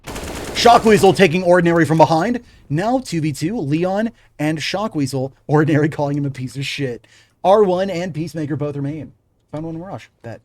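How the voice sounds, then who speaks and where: Young guy casting a game match, kinda high voice, quick play by play. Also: a little mellow. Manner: brisk play-by-play, breaks off to chat. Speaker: game commentator and streamer. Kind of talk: live game commentary.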